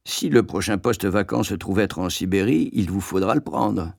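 Brief: stern, slow-spoken senior director, kindly underneath, low and dry, as a male narrator reads him. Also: animated, gravelly, darkish tone, breathy edge, no echo, heavily acted. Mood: measured, stern. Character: kind senior male company director, grave.

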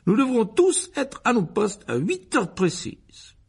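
A man voicing a pompous, blustering middle-aged uncle in an audiobook, with slow, booming emphasis. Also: very animated, creaky, a little mellow, husky, heavily acted. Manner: booming, self-important, slow emphatic delivery.

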